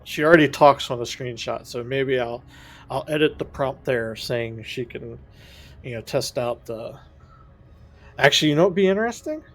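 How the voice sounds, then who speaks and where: A man streaming a space game, thinking out loud in a casual, rambling way and correcting himself as he goes. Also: medium pitch, animated, moderate pace, soft background music. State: has the hiccups. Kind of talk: casual gameplay commentary.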